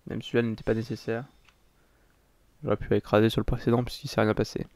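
A man's voice: fairly low pitch, level tone, quick pace, darkish tone, no room sound. Chatty man commenting on his gameplay. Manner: chatty, self-correcting, mutters while playing. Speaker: gaming video host. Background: faint game music.

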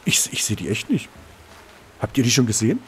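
Exasperated gamer, swooping pitch. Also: male voice, huge pitch swings, fairly quick, a little hiss or hum. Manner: exasperated, swearing, talking to viewers. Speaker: let's play host. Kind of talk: gameplay commentary.

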